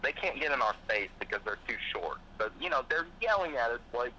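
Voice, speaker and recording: A man's voice: medium pitch, very animated, a little fast, sharp tone, slight background noise, low-quality recording. A man talking casually as a podcast host, ranting in a profane, fired-up way and putting on mocking voices. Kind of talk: casual chat.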